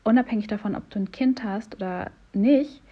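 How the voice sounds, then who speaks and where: Breathy woman coaching with warm encouragement. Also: mid-range voice, moderate pace, dull audio. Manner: warm, encouraging, speaks directly to the listener. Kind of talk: coaching talk to listeners.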